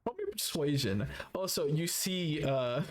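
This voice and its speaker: A man narrating a tabletop game as game master in a voice pitched a little high. His narration is loose and casual, with laughs and the odd curse. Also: expressive, measured pace.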